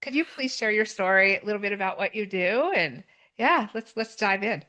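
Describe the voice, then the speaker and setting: A woman hosting an interview show, introducing her guest in an excited, enthusiastic way. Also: mid-range voice, normal speed. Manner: warm and enthusiastic. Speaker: podcast host.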